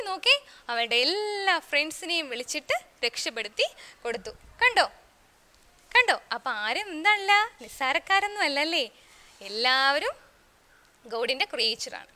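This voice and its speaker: A woman with a Malayali accent, a kindergarten teacher who chants a story slowly and explains it to young children. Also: sits high, bright, forceful tone. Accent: Malayali English. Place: school classroom.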